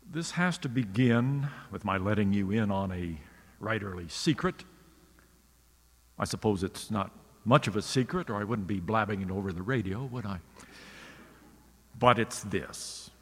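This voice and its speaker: A writer delivers a scripted radio lecture with a dry, wry turn of phrase. His pitch rises and falls in a lively, animated way as he tells his stories. A long reverb trails behind his voice. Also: a little slow, long pauses, breathy edge. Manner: wry, literary storytelling delivery. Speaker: writer giving a radio talk.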